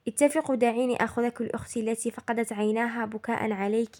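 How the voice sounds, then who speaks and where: A woman voicing a grieving father in a read-aloud story, speaking in a solemn, flat way. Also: on the high side, fast talker, close to an everyday voice. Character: grieving father reuniting family.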